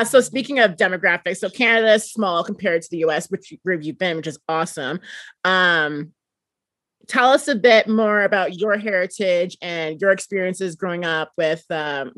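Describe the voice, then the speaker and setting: A woman hosts an interview in a relaxed, chatty way, backing her guest with soft murmurs. Her voice sits a little low. The sound is dry and close. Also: normal speed, no echo. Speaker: host. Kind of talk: casual interview talk.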